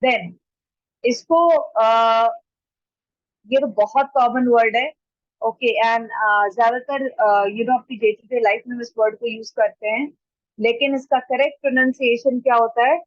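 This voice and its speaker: A woman teaching pronunciation in an online class. She repeats each word slowly and deliberately, mixing Hindi and as she explains. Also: on the high side, steady tone, no room sound, muffled recording. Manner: slow, deliberate repetition of words to model pronunciation. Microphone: computer mic during a screen-shared online class.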